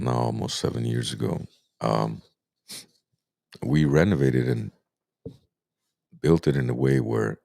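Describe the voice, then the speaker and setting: A man who owns a care home, talking through it in an earnest, halting way with heavy pauses. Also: rumbling low, vocal fry, a little mellow, no echo, clean studio sound. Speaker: care home owner, podcast guest. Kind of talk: emotional conversation.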